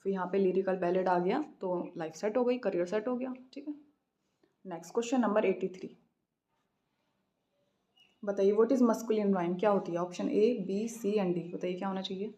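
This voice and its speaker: An Indian woman teaching English literature in an exam practice lesson, reading each question slowly and then explaining quickly in a mix of Hindi and English. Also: mid-range voice, warm tone. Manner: repeats "theek hai" after each answer.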